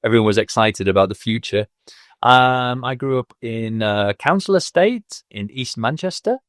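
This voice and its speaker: A Mancunian man in his thirties, a school owner from England, looks back on his career as a podcast guest, using plenty of fillers. His mid-range voice is a bit bright, with lively intonation and a moderate pace. The studio recording is clean, with no room sound.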